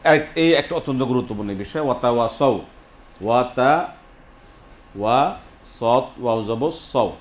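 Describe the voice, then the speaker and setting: A man teaching Quran recitation in a TV studio, patiently drilling pronunciation for a class. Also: mid-range voice. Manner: patient, repeats words slowly for a class to echo. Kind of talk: studio lesson, call-and-response drilling. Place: television studio with students.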